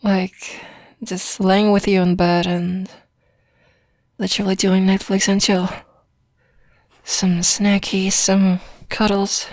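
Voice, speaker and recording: A woman performing an ASMR role-play as a sleepy, lovesick girlfriend, rambling softly and intimately as if leaving a voice message. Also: medium pitch, level tone, no echo, studio quality. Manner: soft, drowsy, intimate, rambling with pauses.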